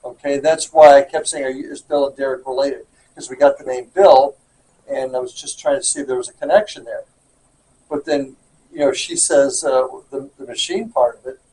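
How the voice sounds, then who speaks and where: A man's voice: mid-range voice, fairly even intonation, moderate pace, warm tone, slight background noise, low-quality recording. A man in casual group talk, explaining an experiment to others and asking questions. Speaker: paranormal investigator.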